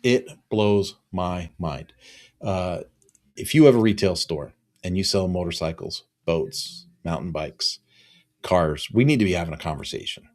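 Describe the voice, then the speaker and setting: A man's voice: low-pitched, a little slow, a little mellow. A man in his fifties, a business consultant talking alone to camera, earnest and repeating phrases for emphasis. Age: 50s. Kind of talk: solo promotional talk to camera.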